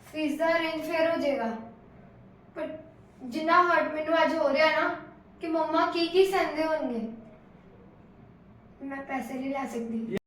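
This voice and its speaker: Woman acting earnest young maid's daughter, high voice, echoey room, faint noise. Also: moderate pace, pauses often, a bit bright, recorded from a distance. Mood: proud. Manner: earnest, pleading, proud.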